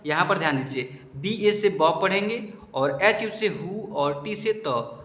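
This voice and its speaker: A man teaching students to read English spellings, spelling each word out slowly and asking if they understood. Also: high voice, expressive, fairly bright tone. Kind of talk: explaining a lesson to students. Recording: echoey room.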